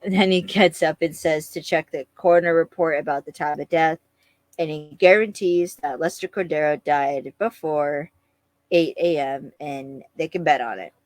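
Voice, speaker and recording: Low voiced woman recapping a tv episode, slow and easy, dry close sound. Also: no room sound. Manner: retells scenes, acts out lines. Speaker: podcast co-host. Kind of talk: casual episode recap chat.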